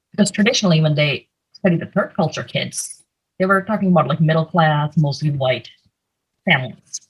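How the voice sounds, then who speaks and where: A young Indian woman with a low-pitched, slightly breathy voice gives a chatty slide presentation full of fillers during a video call. The computer mic produces a low-quality recording.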